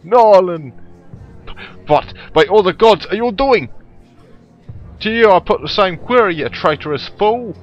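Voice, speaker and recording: Dude doing a blustery old-fashioned thief, loud and indignant, saying ye and nay. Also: male voice, high-pitched, lively intonation, unhurried, pauses often, highs cut off, soft background music, voice pushed up.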